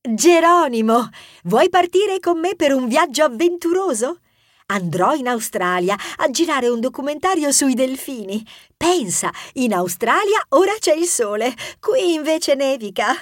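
A man's voice: sing-song, measured pace, no echo, studio quality, exaggerated voice. A man voicing a cheerful, eager young female mouse in a children's audiobook, in a bubbly coaxing tone. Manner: bubbly, coaxing, high-pitched put-on voice. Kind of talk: audiobook character voice.

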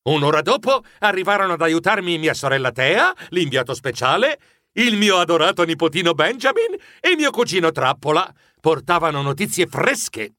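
A man narrating a children's story in an expressive, dramatic first-person style. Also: on the high side, moderate pace. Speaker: audiobook narrator.

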